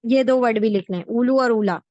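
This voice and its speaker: A woman's voice: fairly high pitch, dark tone, no room sound, highs cut off. A woman teaching word-by-word translation of scripture, explaining patiently and repeating each word and its meaning for her students. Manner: slow, repeats words and meanings for drilling. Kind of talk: patient classroom explanation with repetition.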